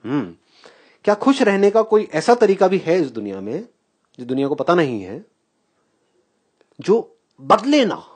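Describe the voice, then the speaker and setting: Animated man giving a lively live talk. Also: a little high, measured pace, pauses often, husky. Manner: animated, questioning, often laughing; mixes English phrases into Hindi. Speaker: spiritual speaker.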